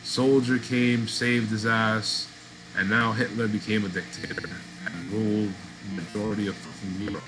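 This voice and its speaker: A middle-aged man hosting a podcast, talking in a loose, profane, animated street style. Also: on the low side, normal speed, over music, poor audio. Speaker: podcast host. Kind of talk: casual monologue.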